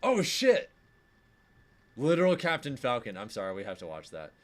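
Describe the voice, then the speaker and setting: A man's voice: medium pitch, huge pitch swings, moderate pace. A man in his thirties hosting a live watch party, chatting casually and reacting to the match. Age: 30s. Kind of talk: casual live-stream commentary.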